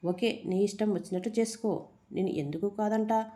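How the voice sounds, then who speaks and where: A woman's voice: mid-range voice, moderate pace, mellow, close to an everyday voice. A woman reading a storybook, voicing a cruel young male villain who taunts and threatens. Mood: sneering. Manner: sneering, threatening.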